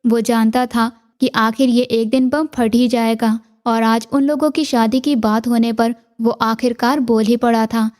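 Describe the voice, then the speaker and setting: Synthetic woman narrator, mellow and fairly high, steady romance storytelling. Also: measured pace, few pauses.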